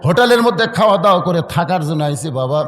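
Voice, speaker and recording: A man's voice: high voice, expressive, racing, fairly bright tone, soft background music. A man with a northern Bangladeshi Bengali accent voicing a humble elderly father who begs in a sing-song plaintive way. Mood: pleading. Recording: echoey hall with long reverb.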